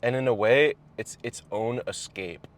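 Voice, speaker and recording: A young adult man gives casual, reflective advice while driving and eating, speaking haltingly and thoughtfully with his mouth at times full. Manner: halting, thoughtful, pausing mid-phrase. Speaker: vlogger giving personal advice. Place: inside a car while driving. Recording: clear vehicle and road noise. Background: car and road rumble.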